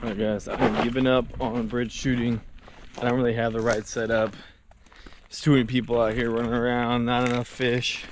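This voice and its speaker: A man's voice: mid-range voice, level tone, normal speed. A young American man narrating a casual outdoor fishing vlog in a laid-back, slangy, sometimes profane way. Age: young adult. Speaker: fishing vlogger. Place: outdoors at a river and bridge. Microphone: handheld action camera at arm's length. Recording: clearly noisy outdoor action-camera audio.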